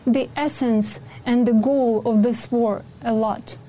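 A woman speaks as a live interpreter voice, rendering another speaker's words in short, halting bursts during a news report. Her voice sits a little high and has a soft, mellow tone. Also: fairly even intonation, a little hiss or hum.

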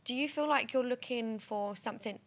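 A woman's voice: a little high, normal speed, a bit bright. A young woman, chatting casually as a podcast host in a blunt, slangy way. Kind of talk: casual chat.

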